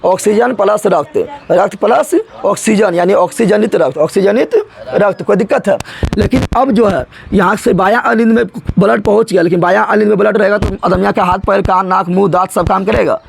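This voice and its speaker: High, gravelly-voiced male teacher drilling a class. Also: fairly quick, slight background noise. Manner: drills students with repeated questions and answers; colloquial, regional turns of speech. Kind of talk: classroom biology lesson.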